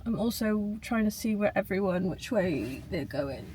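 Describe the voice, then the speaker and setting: A woman's voice: mid-range voice, animated, moderate pace, mellow, a little hiss or hum. A British woman chatting casually as a vlogger, sounding tired and rambling a little. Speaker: running vlogger. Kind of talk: casual chat to camera.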